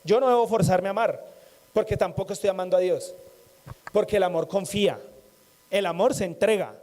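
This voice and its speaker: A man preaching to a congregation, his voice pitched high yet mellow and soft-edged. He talks like a conversation, repeating key phrases and tossing in light jokes. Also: brisk. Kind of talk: sermon.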